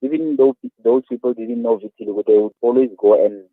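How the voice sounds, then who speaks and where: A man in his thirties with a South African accent, a guest speaking earnestly and haltingly, repeating his words as he explains. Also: mid-range voice, huge pitch swings, gravelly, no echo. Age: 30s. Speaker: guest, awareness activist. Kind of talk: phone-in radio interview. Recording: tinny phone line.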